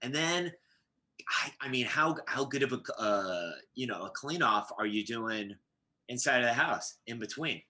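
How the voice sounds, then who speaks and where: A man co-hosting a live chat show, talking in a rambling, halting way with many restarts. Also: medium pitch, expressive, sharp tone. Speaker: co-host. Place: Los Angeles area.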